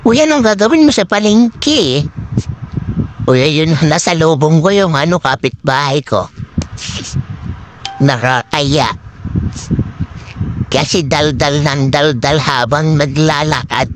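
This middle-aged woman from the Philippines vlogs while strolling along city streets, her phone held out at arm's length amid traffic noise. A voice changer gives her a man-like pitch; she speaks slowly with lively intonation, long pauses, and repeated short phrases.

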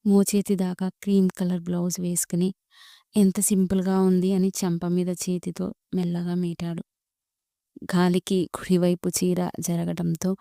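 Woman narrating with a flat, low voice. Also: gravelly, no echo, clean studio sound. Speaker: storyteller. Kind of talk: scripted story narration.

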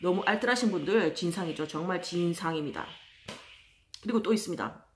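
A woman telling stories in a casual monologue, chatty and exasperated, acting out other people in loud voices. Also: lowish voice, brisk, slight background noise. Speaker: vlogger.

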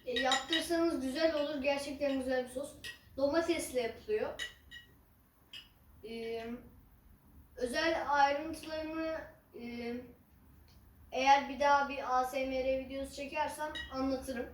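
A woman chatting casually to viewers as an eating vlogger, halting and unhurried, with some drawn-out words. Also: high voice, steady tone. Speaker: mukbang ASMR vlogger. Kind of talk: casual chat to camera while eating. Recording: roomy echo, distant mic, faint noise.

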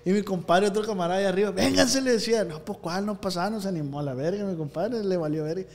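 A man's voice: sits high, very fast, a little mellow, big-room sound. Slangy storytelling man. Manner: slangy storyteller, acts out voices in anecdotes. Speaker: podcast host. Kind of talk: casual podcast chat.

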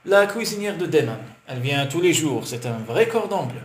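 A man voicing a lively young foreign woman, friendly and chatty with a small boy, with a foreign accent. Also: low voice, normal speed. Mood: cheerful. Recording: roomy with faint hiss.

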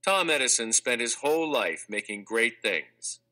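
In a read-aloud of a children's textbook, a man working as an audiobook narrator speaks at medium pitch. His scripted reading is clear, steady and expressive.

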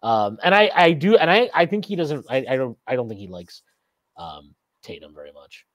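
A man's voice: medium pitch, very animated, normal speed, dry recording. A man in his thirties hosting a casual postgame sports chat on a video call, rambling and reading out viewer comments with frequent laughs. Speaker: podcast host. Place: small room indoors. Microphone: video call webcam.

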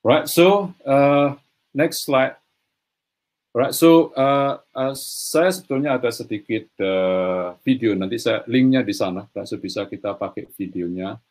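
Speaking through a video call webcam in a small room, this middle-aged keynote speaker has an unhurried, mid-range voice that's a little mellow. His delivery is hesitant, full of restarts, "eh," and frequent "right, so" fillers.

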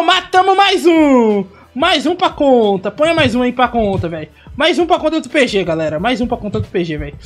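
A woman giving excited gameplay commentary, teasing opponents and repeating her phrases. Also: sits high. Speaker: gaming channel host.

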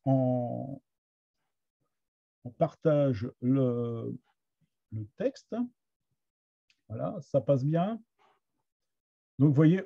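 Husky man with a Somme Picard accent. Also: mid-range voice. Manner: hesitant, many restarts and fillers. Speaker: Picard literature teacher. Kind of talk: online master class lecture. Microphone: computer mic on a video call. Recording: dull lo-fi video call audio.

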